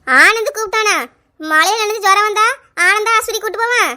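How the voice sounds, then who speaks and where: A woman's voice: very high voice, bright, forceful tone, exaggerated voice. A woman voicing a strict, scolding mother in a cartoon, speaking with a Kanyakumari Tamil accent. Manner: scolding, rapid. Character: scolding village mother Chinnaponnu, anxious and strict. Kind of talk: cartoon voice acting.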